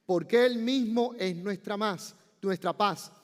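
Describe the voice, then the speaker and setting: A male pastor preaching a sermon, building from calm explanation to emphatic, slowed outbursts. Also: sits high. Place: church sanctuary. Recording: long church reverb.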